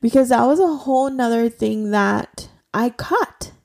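A podcast host in her forties speaks a little slowly in a slightly high, creaky voice with lively intonation and a darkish tone. Her personal monologue is earnest and conversational, packed with fillers.

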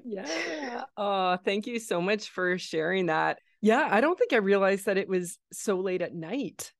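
A woman's voice: mid-range voice, lively intonation, a little slow, vocal fry, no room sound, studio quality. A woman hosting a podcast interview, thanking her guest and summarizing her story in a supportive, affirming way. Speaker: podcast host.

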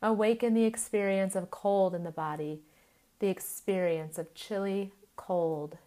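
A woman leads a yoga nidra relaxation, soothing like a sleep story narrator, speaking in measured short phrases separated by long pauses. Her pitch sits in the middle, her intonation stays fairly even, and her tone is dark.

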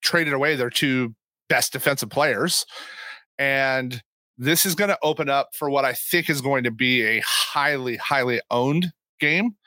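A male podcast host talks sports casually. His voice sits at a middle pitch with a bright, forceful edge. It sounds dry, with no room around it. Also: measured pace, no echo.

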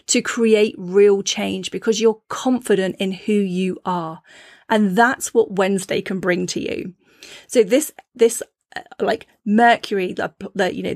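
Woman podcast host, mid pitch, dry close sound. Casual, encouraging coaching tone, acts out quoted voices. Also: no room sound. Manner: earnest, encouraging. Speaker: mother. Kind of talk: casual spiritual coaching talk.

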